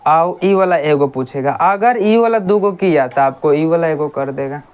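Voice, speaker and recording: A coaching teacher gives a casual grammar lesson. They ask questions, answer them themselves, and repeat sounds slowly to show them. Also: medium pitch, expressive, a little mellow.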